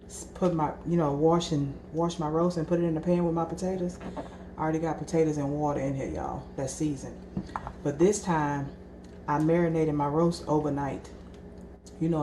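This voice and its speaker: A woman's voice: deep voice, mellow. A woman vlogger cooking at home, talking casually and rambling, calling her viewers y'all. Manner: chatty and rambling, keeps addressing viewers as y'all. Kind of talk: casual cooking vlog chat. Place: home kitchen. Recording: echoey room with background noise.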